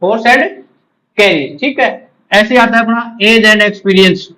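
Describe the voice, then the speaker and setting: A man's voice: high voice, normal speed, bright, forceful tone, rough recording. A man teaching English grammar for an exam in Hindi mixed with English terms. He repeats key words and keeps asking the class short check questions. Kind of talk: exam-prep grammar lecture.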